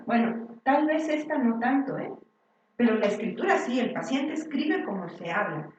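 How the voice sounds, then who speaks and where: A woman teacher giving a classroom lecture, explaining step by step and often pausing on filler words. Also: fairly high pitch, darkish tone, distant mic, a little hiss or hum. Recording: echoey dull room recording from afar.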